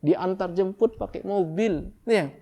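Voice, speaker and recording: A middle-aged man preaching a sermon to a congregation, lively, often acting out people in high excited voices. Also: a little slow, gravelly, highs cut off.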